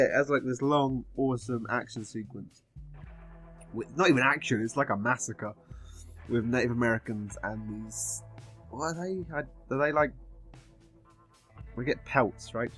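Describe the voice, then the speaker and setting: A man's voice: mid-range voice, a bit bright. A man giving a casual film review in a drunken, rambling way, swearing often as he talks. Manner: frequent swearing.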